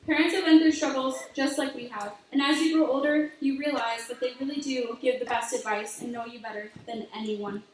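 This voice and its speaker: A high-voiced teenage girl delivers a heartfelt graduation speech, earnest as she offers advice. Her voice echoes heavily around a large hall. She sounds distant from the mic, with a faint hiss underneath. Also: steady tone, brisk, few pauses. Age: late teens. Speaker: graduating student speaker.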